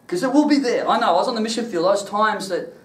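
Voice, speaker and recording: A man preaching a sermon and telling his own testimony, animated and laughing through his stories. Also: high-pitched, fast. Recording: echoey room, mic at a distance.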